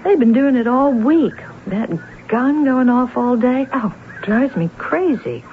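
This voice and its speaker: An actress playing a fussy, easily irritated neighbor wife in an old radio drama. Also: female voice, on the high side, expressive, a little slow, slight background noise. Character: fretful neighbor wife, chatty. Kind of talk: 1940s radio acting. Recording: tinny old radio recording.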